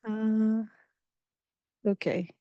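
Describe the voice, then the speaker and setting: A woman's voice: on the high side, level tone, extremely slow, warm tone, clear, resonant tone, no echo, lo-fi sound. A woman from the Philippines, hosting a casual live webinar over a video call in an upbeat, chatty way with many fillers. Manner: upbeat, chatty, with frequent fillers and small laughs. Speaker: webinar presenter.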